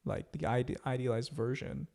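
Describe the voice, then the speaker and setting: A man co-hosting a podcast in casual chat, easygoing and quick to laugh. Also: mid-range voice, fairly even intonation, gravelly, darkish tone. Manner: easygoing, chatty, laughs often. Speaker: podcast co-host.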